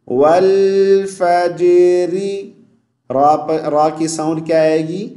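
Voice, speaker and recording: A man teaching Quran recitation, stretching the recited words slowly between quick spoken explanations. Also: fairly high pitch, mellow, echoey room. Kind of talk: online recitation lesson.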